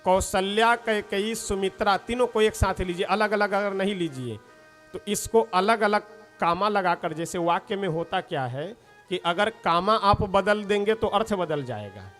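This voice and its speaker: A man's voice: high-pitched, lively intonation, moderate pace, fairly bright tone, faint music behind. A man giving a devotional story sermon, playfully explaining word meanings and acting out the characters' lines. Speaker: religious storyteller.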